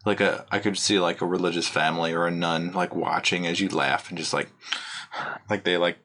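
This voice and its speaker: A man's voice: low voice, steady tone, a little fast, bright, forceful tone. A man co-hosting a podcast in casual chat, musing hesitantly and filling his talk with "like". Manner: musing, hesitant, many "like" fillers. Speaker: podcast co-host.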